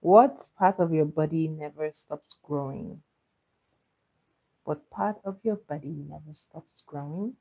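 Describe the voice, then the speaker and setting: A woman's voice: deep voice, slow pace, vocal fry, mellow, highs cut off. A woman from Nigeria, sleepily hosting a live trivia stream and patiently repeating each question for her viewers. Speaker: livestream quiz host.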